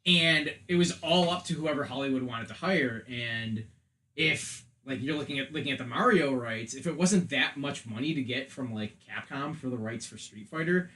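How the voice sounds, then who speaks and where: A man hosts a casual podcast about films and video games, rambling and swearing through lots of joking comparisons. His voice is medium-pitched and moderately paced, with a sharp tone.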